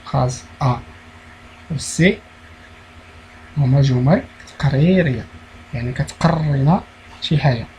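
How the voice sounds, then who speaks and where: A man with a Moroccan accent, teaching a primary school French lesson, explaining slowly and repeating key words. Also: medium pitch, a little mellow, slight background noise, rough recording.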